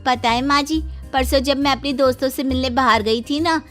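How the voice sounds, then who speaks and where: A woman's voice: high voice, fairly even intonation, moderate pace, a bit bright, soft background music. A woman voicing a nosy, tattling young daughter-in-law in a cartoon, with a prying, complaining tone. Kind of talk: cartoon voice acting.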